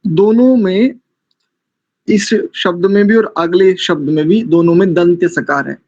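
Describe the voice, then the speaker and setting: A man teaching a mantra recitation class, chanting and breaking words down syllable by syllable with deliberate care. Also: high voice, a little mellow, muffled recording. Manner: slow, deliberate, syllable-by-syllable drilling.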